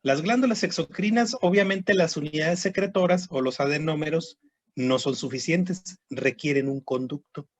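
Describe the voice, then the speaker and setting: A man's voice: on the high side, moderate pace. A man teaching a histology class online, explaining step by step and checking in with students. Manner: explanatory, repeats terms, frequent "¿sí?" and "¿verdad?" checks.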